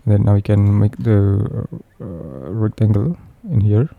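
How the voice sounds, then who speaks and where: A man narrating an unscripted step-by-step software tutorial, speaking in halting, repetitive phrases with frequent hesitations. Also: fairly low pitch, level tone, creaky, narrow, tinny audio.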